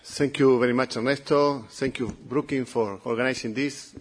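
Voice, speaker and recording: A man's voice: mid-range voice, fairly even intonation, normal speed, breathy edge. A man with an Italian accent presenting a report to an audience, often repeating words and restarting.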